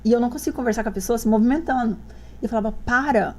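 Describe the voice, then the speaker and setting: A woman's voice: on the high side, rapid-fire, dark tone. A woman, a mother guest on a podcast, telling her story in casual chat and acting out the dialogue she quotes.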